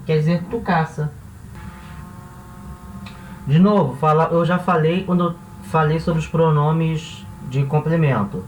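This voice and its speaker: A man from Brazil teaching a grammar lesson, explaining each step slowly and checking in with his listeners as he goes. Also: high-pitched, recorded from a distance, slight background noise. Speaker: language teacher. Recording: echoey room, voice off-mic.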